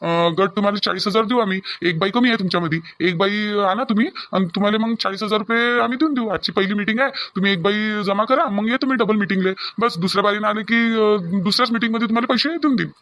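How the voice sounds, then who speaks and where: A man's voice: sits high, fast, few pauses, fairly bright tone, no echo. A man voicing a businesslike loan officer in a village cartoon, explaining terms with a Varhadi Marathi accent.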